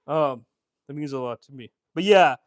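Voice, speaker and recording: Man, slightly high voice, casual rambling chat with viewers, dry close mic, filler-heavy. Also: moderate pace, dry recording. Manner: rambling, lots of fillers and restarts; chatty, answers viewer comments. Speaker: fashion designer streamer.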